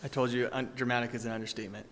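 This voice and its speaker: A man's voice: medium pitch, flat delivery, racing, very noisy. Man giving a eulogy in a church hall. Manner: warm storytelling with hesitant fillers and laughs. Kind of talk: memorial eulogy. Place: church sanctuary.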